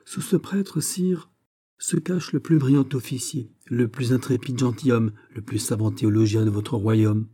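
Guy doing a bold musketeer, animated and punchy, dark husky voice. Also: medium pitch, normal speed, lightly acted. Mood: eager. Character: bold, witty musketeer captain. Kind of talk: audiobook character reading.

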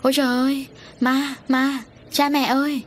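A woman voicing a frightened young girl in an audio story, shrieking high and loud. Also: flat delivery, normal speed, a little hiss or hum, close to an everyday voice. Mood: terrified.

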